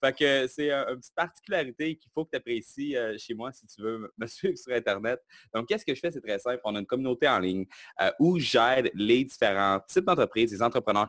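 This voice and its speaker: A man from Quebec with a Québécois French accent, speaking as a guest and explaining his work in a self-assured, lively way. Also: fairly low pitch, no echo. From Quebec, Canada. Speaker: guest, online marketing entrepreneur. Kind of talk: casual interview talk.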